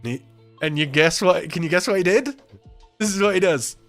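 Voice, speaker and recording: A man's voice: high voice, fairly quick, soft background music. A man hosting a live stream, telling a story in casual chat, acting out the voices of the people in it and laughing often. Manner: animated, acts out quoted voices, laughs often, swears.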